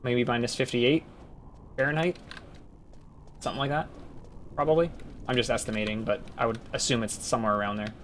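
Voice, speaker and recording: A young man with a bright, crisp voice talks casually through a video game run, half to himself. His commentary jumps from low muttering to loud yells. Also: fairly even intonation, a little fast, long pauses, slight background noise. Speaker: speedrunner. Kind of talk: live gameplay commentary.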